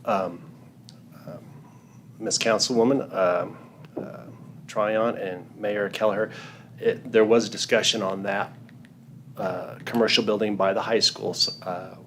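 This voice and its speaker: A low-pitched man giving testimony in a council chamber, filling pauses with ums and uhs as he explains his company's plans. A faint hum of room ambience sits behind him. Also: steady tone. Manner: hesitant, many ums and restarts. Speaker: wireless company representative. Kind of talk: public hearing testimony.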